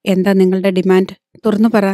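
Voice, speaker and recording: A woman voicing a proud, hot-tempered aging wealthy father in an audiobook, commanding yet soft with his daughter. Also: high-pitched, level tone, a little fast, no room sound, clean studio sound, natural voice. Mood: angry.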